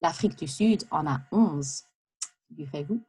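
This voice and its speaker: A woman delivers a prepared talk in a fairly low voice. She sounds lively and conversational, drifting into asides and small hesitations as she goes. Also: unhurried, slightly rough. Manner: lively, chatty, with asides and laughs. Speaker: speaker giving a practice talk. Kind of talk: prepared speech for interpreting practice.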